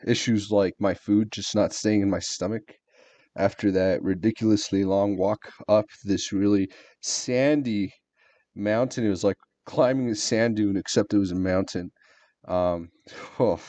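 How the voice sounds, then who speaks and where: Low-voiced man rambling on a podcast. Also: fairly even intonation, moderate pace, warm tone, dry recording. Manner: rambling, filler-heavy storytelling. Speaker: podcast co-host. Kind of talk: casual podcast chat. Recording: dull lo-fi sound.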